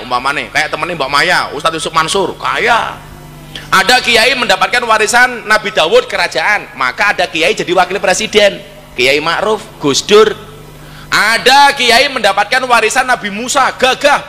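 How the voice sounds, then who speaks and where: A man with a Javanese accent gives a joking, story-filled sermon in a voice that is high and very bright. His words ring out with a long reverb behind them, and he keeps mixing in Javanese. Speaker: preacher. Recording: hall reverb.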